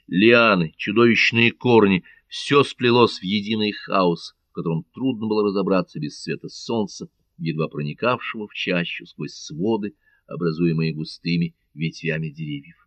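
A male narrator reading an adventure novel aloud in a measured, dramatic way. His voice sits low. The recording is dry and close, with no room sound. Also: fairly bright tone, no echo. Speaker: audiobook narrator.

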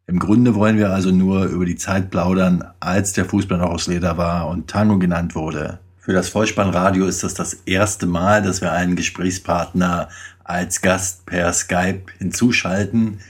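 A man's voice: sits low, steady tone, normal speed, breathy edge. A man in his forties hosting a podcast, reading a formal introduction with a wry touch, then interviewing a guest. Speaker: podcast host.

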